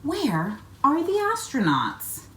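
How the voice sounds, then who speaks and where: Slow and high-pitched, this read-aloud host brings a children's picture book to life, acting out the sound words and coaxing young listeners with questions and asides. A little hiss or hum sits under the recording.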